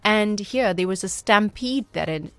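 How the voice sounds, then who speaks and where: A woman with a Durban Indian South African accent speaking as a radio interview guest, earnest and measured, with formal, emphatic wording. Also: medium pitch, animated, fairly bright tone, clean tone, no echo. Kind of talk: radio interview, reflective storytelling.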